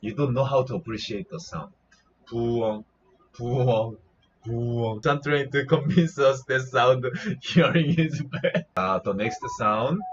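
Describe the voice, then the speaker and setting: A young man with a Korean accent hosts a live animal-sound guessing game, playfully chatting with and teasing his viewers, laughing a lot, and imitating animal calls. His medium-pitched voice is expressive and unhurried, with few pauses. The stream audio is slightly dull and lo-fi, with faint noise.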